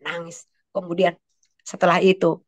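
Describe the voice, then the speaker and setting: A woman telling an animated testimony to a church congregation, addressing them directly. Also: lowish voice, normal speed, no echo. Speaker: speaker giving a testimony at church.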